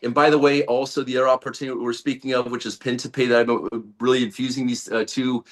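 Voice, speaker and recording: Rambling man pitching on a call. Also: level tone, fast talker. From United States. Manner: rambling, many fillers and restarts, hype-driven. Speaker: guest, network-marketing leader. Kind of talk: sales pitch on a group call. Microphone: video call.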